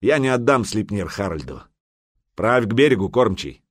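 A man's voice: on the low side, moderate pace, no echo, studio quality. A man playing a stern, commanding viking jarl. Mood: calm. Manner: calm, firm, commanding.

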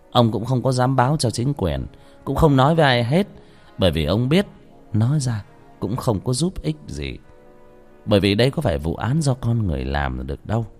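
A man reading a horror story aloud, with dramatic shifts of pitch for tension. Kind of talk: scripted horror story narration.

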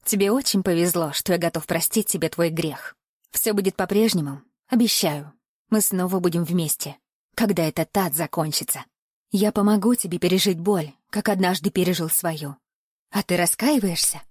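A woman's voice: fairly low pitch, normal speed, husky, dry recording, studio quality. Woman voicing a crooning male captor. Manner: soft crooning, at times whispering. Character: menacing male captor, falsely tender and self-pitying.

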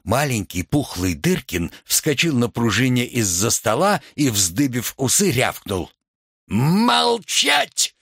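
Give me a theatrical male narrator with a husky, lively voice and a dry recording. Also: medium pitch, a little slow, few pauses, no room sound. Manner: expressive, theatrical. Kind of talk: audiobook reading of a story.

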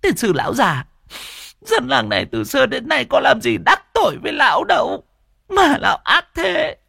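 A man's voice: extremely high pitch, huge pitch swings, moderate pace, gravelly, bright, forceful tone, no echo, studio quality, pitched above the performer's own voice, exaggerated voice. A man voicing a grieving village woman who screeches furious accusations in a ghost story. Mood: shrieking rage.

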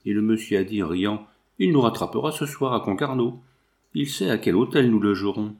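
A man's voice: lowish voice, expressive, brisk, creaky, darkish tone. A man voicing a matter-of-fact young male gamekeeper in an audiobook. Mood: plain. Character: young male gamekeeper, plain-spoken servant.

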